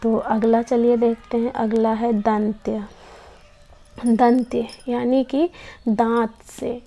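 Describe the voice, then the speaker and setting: A woman's voice: fairly high pitch, level tone, takes it slowly, dark tone. A woman teaching a Hindi lesson, patiently explaining and sounding out each consonant one by one. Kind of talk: slow classroom explanation.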